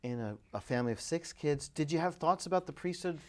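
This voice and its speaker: Hosting an interview on public access television, a middle-aged priest offers measured introductions, now and then using fillers. He speaks on the high side, expressively, with a slightly mellow quality.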